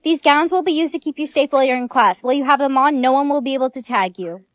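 This is a high synthetic female voice in text-to-speech style, reading the lines of a storytime skit. It sounds dry and right up close to the mic. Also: fast, no echo.

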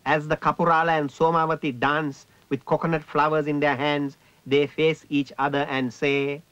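A man narrating a ritual in a measured, descriptive way. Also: on the high side, level tone, a bit bright, clean tone, no room sound, highs cut off.

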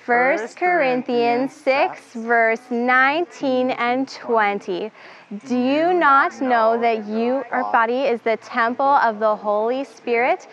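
A woman's voice: a little high, slow pace, lo-fi sound, a crowd in the background. A young woman teaching a children's Bible club, upbeat and instructive, counting down and leading the group in reciting verses.

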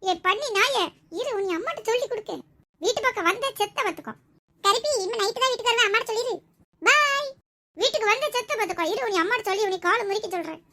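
A woman playing a loud, cheeky Tirunelveli teen boy, high and rapid. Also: animated, heavily acted. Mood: teasing. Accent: Tirunelveli Tamil. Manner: loud, teasing, shouting. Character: cheeky teasing teenage boy pestering his sister.

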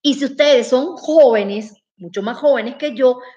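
A high-pitched woman teaching a relaxed online class. She talks in a chatty, emphatic way and speaks straight to her viewers. The sound is a little dull and lo-fi. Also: measured pace. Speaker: English teacher. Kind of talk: casual online lesson.

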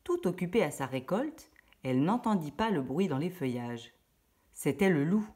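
Husky woman reading a children's story. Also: sits low, normal speed. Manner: lively and expressive.

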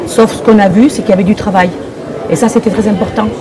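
An older woman from Morocco talks as a guest on a stage set up in a wooden hall at a public fair. She speaks in a hesitant way, circling back and repeating herself. The chatter of the fair crowd stays clearly audible behind her. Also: medium pitch, fairly even intonation, quick pace, background noise. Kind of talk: casual interview talk.

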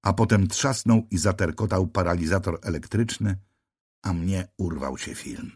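A man's voice: sits low, moderate pace, darkish tone, slightly rough, no echo, clean studio sound. A man narrating an audiobook in the first person, with a tense, brooding delivery.

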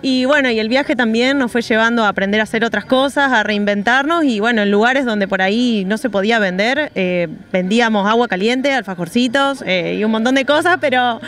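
A young woman from Rosario, Argentina, who travels as an artisan, tells a street interviewer about her trips while standing by parked vans, holding close to a handheld reporter mic. She speaks Argentine Spanish a little fast with hardly any pauses, her slightly high voice fairly bright, cheerful and chatty, and she leans heavily on "y bueno" and similar fillers.

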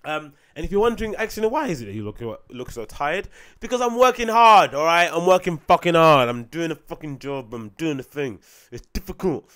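Expressive, brisk and a bit bright, this young man with a London accent and a slightly raspy voice today is a podcast host and DJ chatting loosely on his solo show. He meanders, tosses in slang and now and then a curse. A boom-arm studio mic sits close to his mouth in a small home room.

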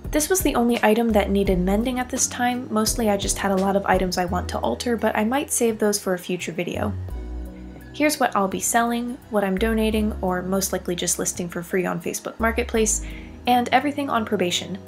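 A woman's voice: mid-range voice, brisk, darkish tone, soft background music. A young adult woman talking casually through a clothing try-on, chatty and self-deprecating with playful asides. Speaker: vlogger. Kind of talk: casual vlog chat.

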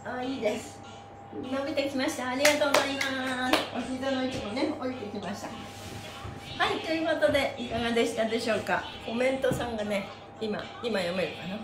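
Cheerful and playful, this middle-aged woman hosts a live-streamed stretch class, calling out instructions and chatty announcements with plenty of exclamations. Her voice sits high and moves fairly quickly. She's in a small, bare room with a wooden floor, and the echoey recording carries music in the background.

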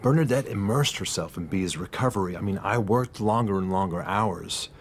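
An actor playing an earnest, worried middle-aged husband confiding in a doctor in a radio drama. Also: male voice, low voice, normal speed. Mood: troubled, confiding.

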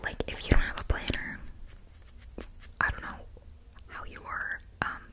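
A young woman whispering breathily in a rambling ASMR style very close to a condenser mic, often repeating words. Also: unhurried. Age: young adult. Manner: repeats words in trailing strings. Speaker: ASMR video creator. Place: small bedroom indoors. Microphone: large desktop condenser mic, very close.

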